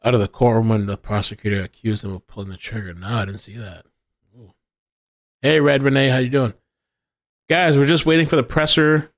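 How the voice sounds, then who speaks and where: A man rambles through casual live commentary on his stream, restarting sentences as he thinks aloud and stopping to read viewer chat. His voice sits at a middling pitch and is recorded close and dry, with no room sound. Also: fairly even intonation, a little fast, dry recording. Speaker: livestream host.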